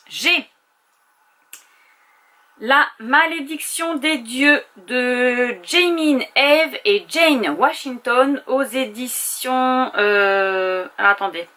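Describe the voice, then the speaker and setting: Unhurried woman chatting casually at home. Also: a little high, sharp tone. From France. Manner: chatty, thinking aloud with small hesitations. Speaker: vlogger. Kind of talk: casual chat.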